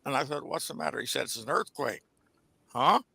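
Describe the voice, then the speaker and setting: A man's voice: medium pitch, lively intonation, a little fast, vocal fry, sharp tone, husky, dry recording. An older man with an American accent, chatting and telling stories casually over a video call. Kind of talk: casual chat and storytelling. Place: indoor room on a video call.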